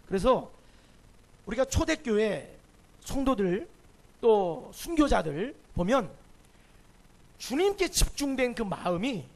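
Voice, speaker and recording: A male pastor delivering an emphatic sermon in a church. His voice sits high for a man and swings widely in pitch as he puts rhetorical questions to the congregation. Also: gravelly.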